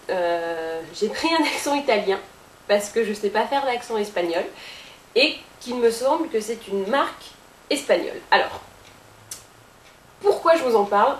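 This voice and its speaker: A beauty vlogger with a slightly mellow, higher-pitched voice gives a casual makeup tutorial. She's chatty and playful, throwing in jokes and sound effects, in an echoey room with faint hiss.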